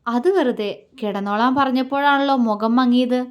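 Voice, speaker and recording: A man's voice: very high voice, normal speed, clear, resonant tone, muffled recording. A woman voicing a young newlywed husband who is teasing but caring, in a romantic story reading. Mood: concerned. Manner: teasing, soft-spoken.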